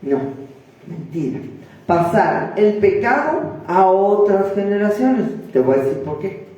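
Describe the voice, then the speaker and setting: A woman's voice: mid-range voice, animated, a little slow, dark tone. A woman pastor gives a sermon in a conversational way, full of rhetorical questions to the congregation. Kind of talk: sermon teaching. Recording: echoey room, distant dull mic.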